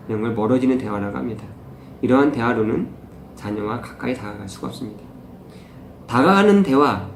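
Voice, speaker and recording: Male parenting host, gravelly and instructive, recorded in a roomy space. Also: medium pitch. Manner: calm, instructive, repeats key points. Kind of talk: explaining a parenting book. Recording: echoey room with faint noise.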